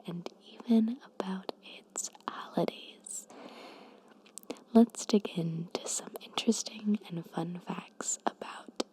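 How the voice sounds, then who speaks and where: A soft-spoken woman doing ASMR in a breathy, slightly hoarse near-whisper, chatting hesitantly and informally. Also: fairly low pitch, slight background noise, low-quality recording. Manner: hesitant, self-conscious, informal. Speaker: ASMR creator. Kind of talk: soft-spoken ASMR, rambling chat and reading facts. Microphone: microphone at close to moderate distance.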